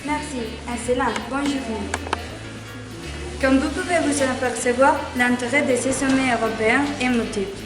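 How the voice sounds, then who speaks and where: A woman's voice: high-pitched, moderate pace. A woman field reporter presenting an on-site news report in an upbeat way. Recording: echoey room with music behind.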